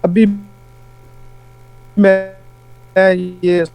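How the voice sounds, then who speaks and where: A man debating over an online call, speaking haltingly while his internet audio keeps cutting in and out with dropouts. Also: high voice, little pitch movement, warm tone, soft background music. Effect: choppy internet audio, voice cutting in and out.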